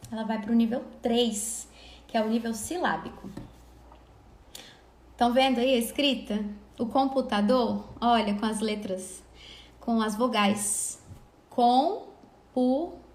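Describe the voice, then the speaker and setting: A woman teaching literacy in a live online lesson, explaining patiently and sounding words out slowly syllable by syllable. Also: a little high, steady tone. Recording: echoey room.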